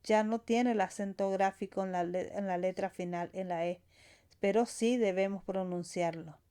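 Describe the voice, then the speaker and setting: A woman's voice: mid-range voice, fairly even intonation, normal speed, warm tone, smooth. A woman teaching a language lesson, saying sounds and words one at a time and stressing the final syllables. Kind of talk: slow explanatory lesson.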